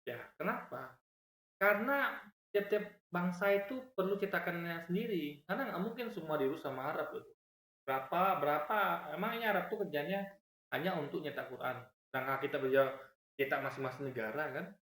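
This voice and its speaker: A man giving argumentative reaction commentary, explaining points over and over and swinging his pitch up and down as he talks. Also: expressive, a little fast, a bit bright, reverberant.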